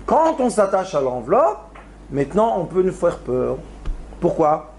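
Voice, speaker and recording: High, lively man teaching Torah. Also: a little slow, a little hiss or hum. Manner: storytelling, acts out pleas with rising cries; mixes Hebrew words into his speech. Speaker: rabbi teaching a Torah class. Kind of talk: animated Torah lesson. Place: lecture hall.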